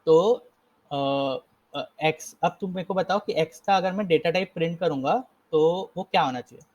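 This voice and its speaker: A man's voice: fairly high pitch, moderate pace, darkish tone, lo-fi sound. A young man casually teaching a live coding lesson, explaining step by step and often correcting himself. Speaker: coding instructor.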